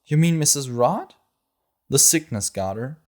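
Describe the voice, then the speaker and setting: A man voicing a pale, sickly girl with a high, girlish voice who is eerily eager and hides menace, in an audiobook. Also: big pitch swings, normal speed, a little mellow. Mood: guarded.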